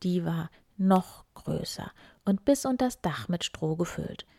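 A woman reading a fairy tale aloud in a slow, hushed, breathy voice. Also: on the low side, animated, no echo. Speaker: storyteller. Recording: dry close recording.

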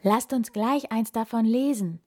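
Woman doing a friendly storybook fox, gentle, a bit higher than her own voice. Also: measured pace.

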